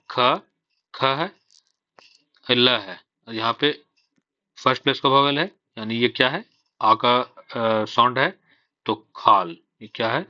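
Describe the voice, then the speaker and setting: This shorthand teacher speaks at medium pitch with a bright, forceful tone, mixing English terms into Hindi. Patiently and step by step, he asks himself questions and then answers them, as in a classroom. The audio is dull, with no echo.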